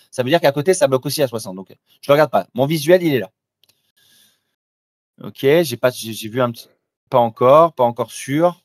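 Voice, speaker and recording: Presenting a live trading demo, this trader uses a mid-range voice and an informal, direct style, with frequent restarts. The clean studio recording has no echo.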